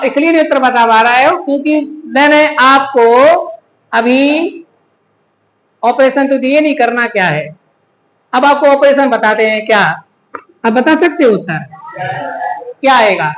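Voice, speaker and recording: A man's voice: very high-pitched, fairly bright tone. A male physics teacher giving a classroom lecture, who keeps asking the class rhetorical questions and repeating key terms. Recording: echoey room.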